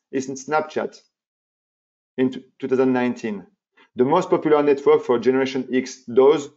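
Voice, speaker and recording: Here a man with French as his first language runs a marketing webinar, hammering points home, repeating himself and restarting amid frequent fillers. His mid-range voice has a dark tone, and the recording is muffled and dull.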